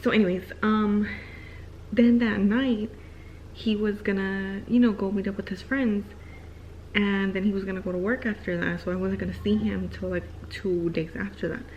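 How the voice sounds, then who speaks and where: A woman's voice: medium pitch, steady tone, normal speed, a little mellow. A young woman vlogger chatting casually, telling a personal story with lots of "like" and acted-out quotes. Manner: chatty, heavy use of "like", acts out quotes. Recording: slightly dull, faint background noise.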